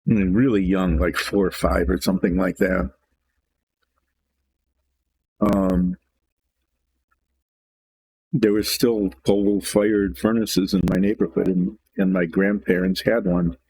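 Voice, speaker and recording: An older man hosting a relaxed painting show, rambling and thinking aloud from his workshop as he works. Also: sits low, measured pace. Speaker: hobby painting host. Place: home workshop.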